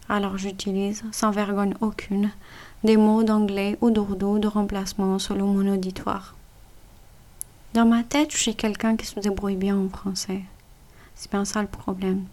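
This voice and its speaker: A woman from Pakistan whose first language is Punjabi, reading a personal essay aloud in measured, deliberate phrases, with a Pakistani accent. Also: mid-range voice, darkish tone.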